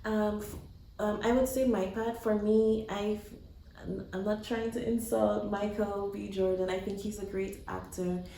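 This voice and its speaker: A woman co-hosting a casual movie review chat, talking haltingly with many fillers. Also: mid-range voice, little pitch movement, gravelly, dark tone, recorded from a distance. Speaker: co-host of a movie review show. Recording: echoey room, a bit off-mic, faint noise.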